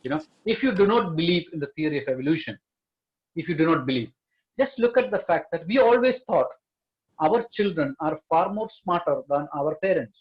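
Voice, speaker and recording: A man's voice: a little high, expressive, fairly quick, dull audio. A man speaking earnestly as a panelist, stressing key words again and again. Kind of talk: panel discussion.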